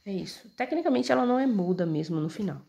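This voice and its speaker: Woman, casual scripture lesson, husky voice, dark timbre, conversational, points at text. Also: medium pitch, expressive, fast. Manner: conversational, checks in often with "tá?" and "entendeu?"; points at text while reading. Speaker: religious teacher explaining scripture. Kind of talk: casual explanatory talk.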